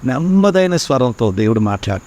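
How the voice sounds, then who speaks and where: Fast-talking man giving an emotional testimony. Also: mid-range voice, big pitch swings, warm tone. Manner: fervent storytelling, acts out his prayers and God's replies. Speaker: songwriter guest.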